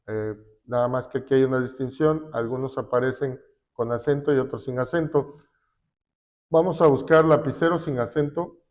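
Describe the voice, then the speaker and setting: A man teaching a class, slowly explaining a spreadsheet step by step with fillers. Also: medium pitch, darkish tone. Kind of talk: classroom software lesson. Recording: dull lo-fi recording.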